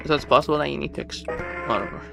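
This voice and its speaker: A man's voice: fairly high pitch, racing, gravelly. A man casually commenting on his solo game stream, rambling and correcting himself as he goes. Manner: rambling, self-correcting, chatty. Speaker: gamer streaming solo play. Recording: game music behind the voice.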